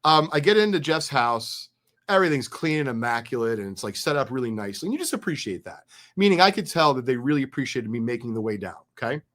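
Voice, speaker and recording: A middle-aged man telling a story in an excited, chatty, candid way as a guest. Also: mid-range voice, fast talker. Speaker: card collecting business guest. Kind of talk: animated storytelling.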